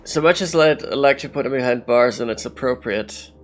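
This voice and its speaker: A man's voice: mid-range voice, normal speed, faint music behind. A man giving casual commentary on a game, thinking aloud as he weighs things up. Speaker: video game player commentator.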